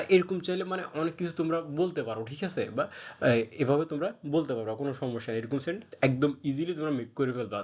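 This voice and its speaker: A man's voice: mid-range voice, highs cut off. Patient man teaching a language lesson. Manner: patient, frequent fillers and check-ins. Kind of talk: casual explanatory lesson.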